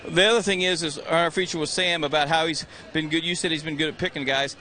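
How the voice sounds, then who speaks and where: A man's voice: fairly high pitch, steady tone, fast talker, bright, forceful tone. A man in his sixties doing brash, teasing grid interviews on a live race broadcast, out of breath. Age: 60s. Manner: joking, teasing, brash banter. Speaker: pit-lane grid reporter. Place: outdoors on a race starting grid.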